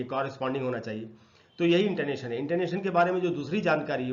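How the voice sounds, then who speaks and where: A man with a fairly high voice teaches a lesson. He explains each point at length and reads the English definitions out slowly, word by word. The recording sounds dull and lo-fi.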